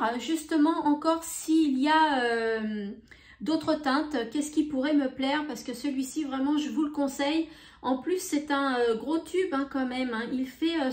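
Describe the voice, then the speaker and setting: A woman showing beauty products in a casual vlog, talking in an unhurried, hesitant way with many fillers. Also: high voice, a little mellow, echoey room. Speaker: beauty vlogger. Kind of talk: casual haul video.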